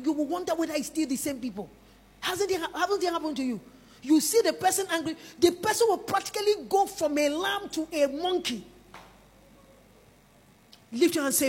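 Preaching a sermon, a woman pushes each point home with emphasis in a high, bright voice. She urges the congregation to raise their hands and repeat her words, and a long reverb carries her voice through a large hall.

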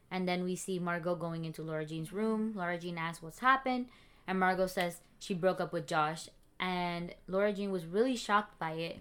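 Young woman, lowish voice, smooth and clear, casual podcast chat, filler words. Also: fairly bright tone. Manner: casual, filler-heavy, trails off into restarts. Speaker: podcast co-host. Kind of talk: casual book discussion.

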